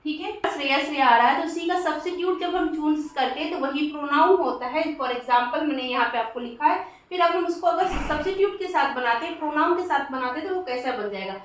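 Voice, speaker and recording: Woman teacher, high voice, patient and repetitive; mic set back in a very echoey room. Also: recorded from a distance. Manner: patient, repeats points with frequent "ठीक है"; slows down to spell out example sentences while writing. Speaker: English grammar teacher. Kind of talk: classroom-style explanation.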